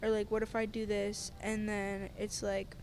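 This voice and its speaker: A woman's voice: medium pitch, completely flat delivery, moderate pace, a little mellow, slight background noise. A woman talking earnestly and hesitantly in a casual podcast chat, often searching for her words.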